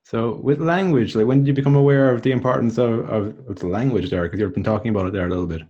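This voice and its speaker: A man hosting a podcast interview, offering short affirmations before quick questions. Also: medium pitch, warm tone, husky. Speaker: podcast host. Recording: dull lo-fi sound.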